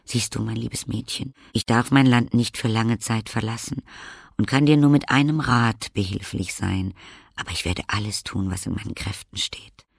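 A man reading an audiobook and voicing a small, kind, wise old sorceress, calm and motherly. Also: lowish voice, moderate pace, creaky, husky, no room sound, clean studio sound. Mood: kindly.

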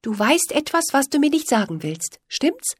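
A woman's voice: high voice, big pitch swings, moderate pace, dry recording, studio quality, pitched above the performer's own voice. A woman voicing a stubborn, clever young princess who is suspicious and defiant.

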